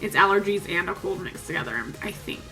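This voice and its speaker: Talking fast over music, this young woman in her twenties has a fairly low, animated voice and a slight nasal quality from a cold. She's a beauty vlogger giving a chatty, upbeat makeup tutorial, sprinkled with "like" and "super," from a small room at home with a sparkly backdrop. The audio is poor.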